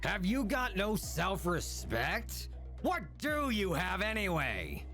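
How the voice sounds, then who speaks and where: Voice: mid-range voice, wildly swooping pitch, slow pace, music in the background, exaggerated voice. A reader voicing a brash, foul-mouthed hothead from a video game, with an aggressive, scolding manner. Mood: angry, goading.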